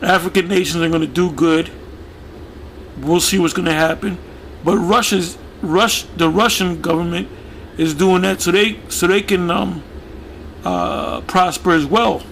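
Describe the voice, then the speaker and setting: A man giving casual commentary as he reads out a news web page, speaking haltingly with many fillers and restarts. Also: high voice, vocal fry, fairly bright tone, a little hiss or hum. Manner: halting, many fillers and restarts, talks through what is on screen. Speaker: religious video commentator.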